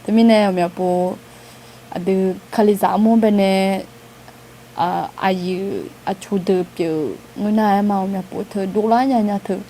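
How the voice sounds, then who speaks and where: A woman gives an informal outreach talk to a gathered group. Her voice is warm and mellow, and her delivery is chatty and unhurried, full of small hesitation sounds and light laughter. Faint ambient noise sits behind her. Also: mid-range voice, steady tone. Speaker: outreach speaker.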